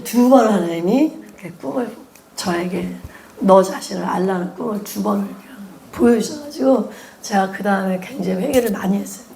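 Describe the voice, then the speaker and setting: This prophecy school teacher has a medium-pitched, brisk, creaky voice, heard in an echoey room with crowd noise. Teaching a church class on prayer in sermon style, she shares personal testimony through animated storytelling, frequent laughter and acted-out prayers.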